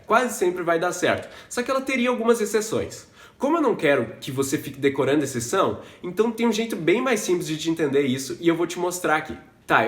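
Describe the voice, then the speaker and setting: A man who speaks Portuguese natively teaches English in a casual, patient lesson, slowing down to model words. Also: high voice. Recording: roomy echo.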